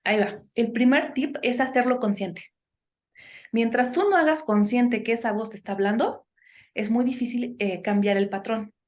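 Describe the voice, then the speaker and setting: Higher-voiced woman giving advice. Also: moderate pace, darkish tone. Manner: frequent tag questions and "este" fillers. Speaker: guest speaker on impostor syndrome. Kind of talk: conversational podcast interview.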